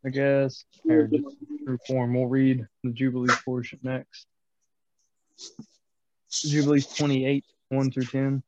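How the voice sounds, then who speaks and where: Slow, gravelly Bible study reader, halting delivery, muffled sound. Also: medium pitch, lively intonation, warm tone. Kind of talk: casual Bible study, reading aloud.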